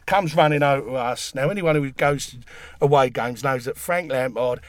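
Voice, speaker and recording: A man's voice: mid-range voice, moderate pace, dry recording. A man in casual football chat, rowdy and jokey, swearing freely. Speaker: football fan pundit.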